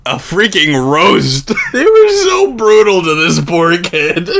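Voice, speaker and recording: A tipsy reviewer giving casual comedic commentary on a cartoon, rambling in a drawn-out, exasperated, sarcastic way with mild swearing. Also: mid-range voice, big pitch swings, a bit bright. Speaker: video reviewer.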